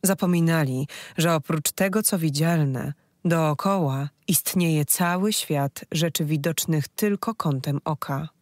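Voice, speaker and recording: An audiobook narrator reading a dark folk fantasy story in a steady, measured way. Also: mid-range voice, no room sound, clean studio sound.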